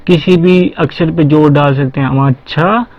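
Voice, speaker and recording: A man's voice: on the high side, fairly even intonation, normal speed. A man giving a casual spoken lesson, spelling words out letter by letter and repeating himself often. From Haryana, India. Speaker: language teacher. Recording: dull lo-fi recording.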